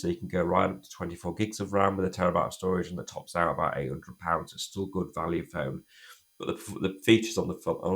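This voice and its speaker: Nursing a cold, the man reviewing a phone sounds gravelly and croaky. His delivery is quick, casual, very low and flat in tone, and he keeps starting his sentences over; he's a tech reviewer.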